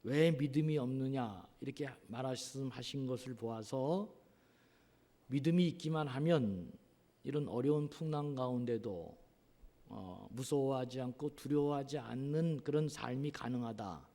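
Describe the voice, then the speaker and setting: A man preaching a sermon as pastor, earnest, asking rhetorical questions and pausing on drawn-out fillers. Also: mid-range voice, dark tone. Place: church sanctuary. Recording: long reverb of a church hall.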